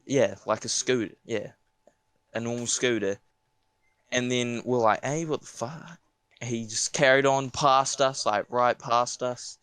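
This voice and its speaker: A man's voice: mid-range voice, steady tone, unhurried, a bit bright, smooth, dry recording. A young man with a broad New Zealand accent casually telling an anecdote on a podcast, slangy, sweary and laid-back. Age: young adult. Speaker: podcast speaker.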